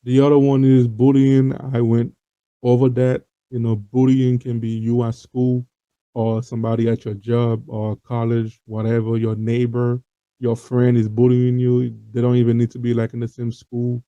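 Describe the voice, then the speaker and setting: The speaker, a man from Haiti with a Haitian accent, is an online talk show host talking earnestly and informally to viewers, with many fillers and repetitions. His mid-range voice is mellow and monotone at normal speed, and the recording is dull, lo-fi, dry, and echo-free.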